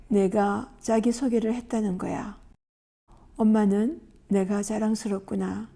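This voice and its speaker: A woman voicing a mother who gently reassures her young son in a soft, encouraging way. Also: medium pitch.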